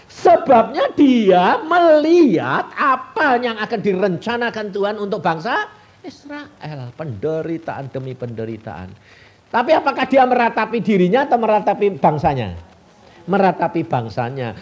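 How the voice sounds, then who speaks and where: A man's voice: high-pitched, highs cut off. A male evangelist with a Javanese Indonesian accent, preaching a folksy sermon and answering his own questions. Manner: folksy, asks the congregation questions and answers them himself.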